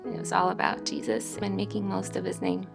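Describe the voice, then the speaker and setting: A woman's voice: medium pitch, sing-song, a little fast, gravelly. A woman, a pastor's wife, telling her story in a candid, lightly humorous way. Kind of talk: testimony interview. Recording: music bed under voice.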